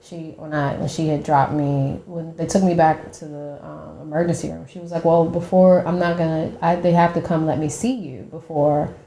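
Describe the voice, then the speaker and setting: Low dark woman's voice, earnest open guest talk, echoey room. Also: steady tone, normal speed, hardly any pauses, a little hiss or hum. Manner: open, earnest, often quoting others. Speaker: podcast guest. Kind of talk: candid conversation.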